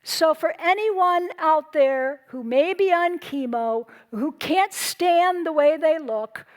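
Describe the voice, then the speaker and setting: Woman speaker, high voice, earnest and emphatic, inspirational stage talk. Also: takes it slowly. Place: stage before a live audience.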